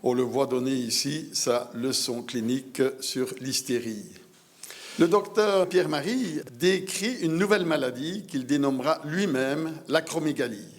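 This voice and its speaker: An older man giving a prepared medical conference talk in a measured, literary way. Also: mid-range voice. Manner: measured, literary phrasing, clear delivery. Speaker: medical lecturer.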